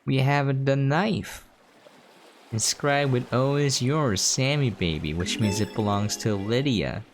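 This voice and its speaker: A game streamer speaks slowly in a mid-range voice, casually explaining his play and thinking aloud. The background is noisy, with game music behind him.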